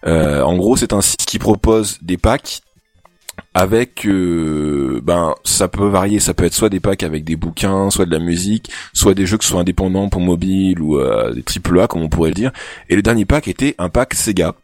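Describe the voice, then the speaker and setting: Deep-voiced man rambling about games. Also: moderate pace, a little mellow, no room sound. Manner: rambling, hesitant, many fillers. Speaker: podcast panelist. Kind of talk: casual chat.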